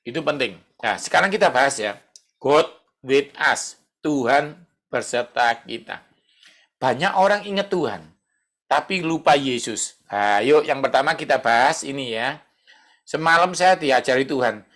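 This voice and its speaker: A man's voice: medium pitch, animated, measured pace, a bit bright. A middle-aged male pastor, preaching a conversational sermon and acting out prayers.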